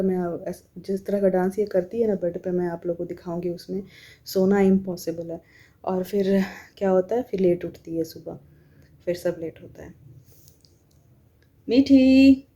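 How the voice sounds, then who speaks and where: A young woman chatting casually to the camera at home, telling everyday stories about her family in a relaxed way. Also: on the low side. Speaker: vlogger and mother. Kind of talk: casual home vlog chat.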